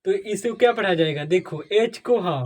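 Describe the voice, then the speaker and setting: High-voiced man teaching with repeated questions. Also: moderate pace. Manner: asks and answers his own questions, repeats points; addresses viewers as dear friends, asks for comments. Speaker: English teacher. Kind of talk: Hindi tutorial on English pronunciation rules.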